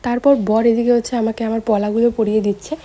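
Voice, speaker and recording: Hoarse, fast-talking young mother. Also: on the high side, flat delivery, dark tone, slight background noise. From India. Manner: chatty, explains everyday details. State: hoarse from a cold. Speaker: family vlogger. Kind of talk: casual voice-over narration.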